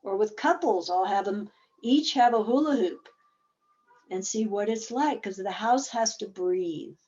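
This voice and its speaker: A woman therapist hosting a webinar, explaining her methods slowly and casually. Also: mid-range voice, dark tone, muffled recording.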